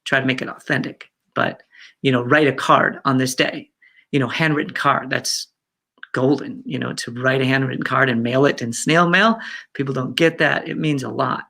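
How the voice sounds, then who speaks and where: A man in his fifties chats as a guest in an interview. His voice is gravelly and bright, full of fillers, restarts and easy laughter. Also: mid-range voice, moderate pace. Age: 50s. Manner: chatty, laughs often, many fillers and restarts. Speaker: guest speaker. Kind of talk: casual interview chat.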